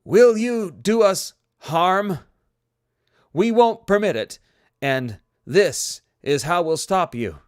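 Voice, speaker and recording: Grown-man starship captain, put on by a male reader, firm and commanding, forceful and defiant. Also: lowish voice, slow pace, no room sound, clean studio sound.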